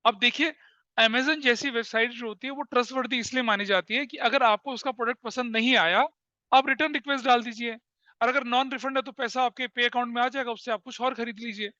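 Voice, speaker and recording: A man with a very high, bright voice lectures a class, switching between Hindi and English. He tells lively anecdotes and laughs at them. The sound is dry and a little dull, like a lo-fi classroom recording. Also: brisk, no echo. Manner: lively storyteller, laughs at his own anecdotes. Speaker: commerce teacher.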